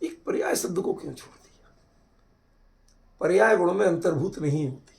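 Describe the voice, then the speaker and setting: A scripture teacher leads an interactive discussion in an online group session, explaining emphatically with homely examples. He constantly checks whether listeners follow, quizzing them with rhetorical checks. His high-pitched voice is expressive, gravelly and darkish, at normal speed.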